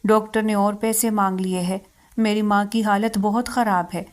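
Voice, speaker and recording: A woman voicing a desperate, tearful young daughter in a storybook reading, with pleading lines read in an even tone. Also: medium pitch, lightly acted.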